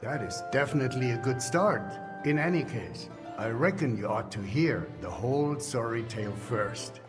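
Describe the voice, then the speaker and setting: A man's voice: mid-range voice, expressive, normal speed, lightly acted. Male actor as a chatty, sardonic town elder type; echoing room, music bed. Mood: wry. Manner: wry storytelling. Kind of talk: video game dialogue. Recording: reverberant room with music behind.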